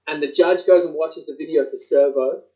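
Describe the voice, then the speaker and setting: A man's voice: fairly high pitch, fairly even intonation, a little fast, mellow. A man with an Australian accent chatting casually as a podcast co-host, swearing and using plenty of slang. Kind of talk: casual chat. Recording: dull, lo-fi sound.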